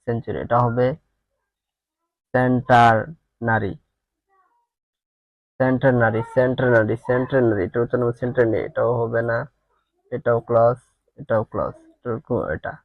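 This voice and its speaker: A man's voice: medium pitch, little pitch movement, brisk, creaky, no room sound, narrow, tinny audio. A man with a Bangladeshi accent teaching exam prep, reading quiz questions aloud and muttering answers to himself, repeating words as he thinks.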